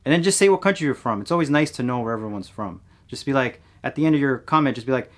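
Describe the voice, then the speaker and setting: Relaxed man explaining a craft build. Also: mid-range voice, fast. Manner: relaxed, plain step-by-step explaining. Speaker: cosplay prop maker. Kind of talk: casual tutorial voice-over. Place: home workshop, indoors.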